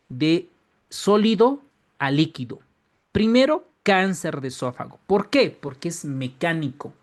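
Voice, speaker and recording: A man giving an online medical exam-prep lecture. He repeats key terms and tags his lines with quick checks for agreement. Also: a little high. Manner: lively, emphatic rises on key terms.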